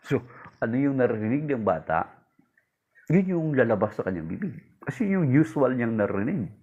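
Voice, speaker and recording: Preacher guy mixing tagalog n english, husky voice, bit muffled. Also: big pitch swings, unhurried, long pauses, a little mellow. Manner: mixes Tagalog and English, addresses listeners as brothers; acts out voices in the story with a raised pitch. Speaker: priest. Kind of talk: homily with a told joke.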